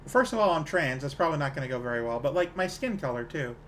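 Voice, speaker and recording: A woman's voice: sits low, lively intonation, fast talker, a little hiss or hum. A woman with a Canadian accent, chatting casually with her viewers while gaming, rambling with fillers and small laughs. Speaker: streamer.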